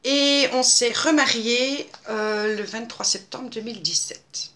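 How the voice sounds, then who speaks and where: Woman, fifties, bright tense voice, hesitant casual chat, many fillers. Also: fairly high pitch, takes it slowly. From Belgium. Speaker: scrapbooking vlogger answering viewer questions. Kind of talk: casual Q&A monologue.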